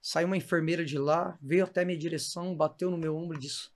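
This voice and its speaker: A man's voice: a little high, steady tone, fast talker. A man with a Brazilian Portuguese accent, a missionary preacher telling his faith testimony with fervor and calling the listener brother.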